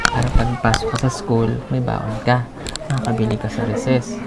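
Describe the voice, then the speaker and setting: A woman from the Philippines chats casually on camera with a low-pitched voice. She coaxes and advises in a motherly way and laughs easily. The outdoor recording carries a lot of background noise. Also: flat delivery, normal speed. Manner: coaxing, motherly, gives advice, laughs easily. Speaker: vlogger handing out aid.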